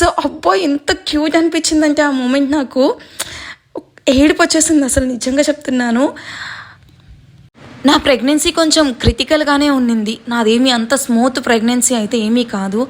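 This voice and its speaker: A woman narrating an emotional story and then recounting her own experience in a heartfelt, earnest way. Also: high voice.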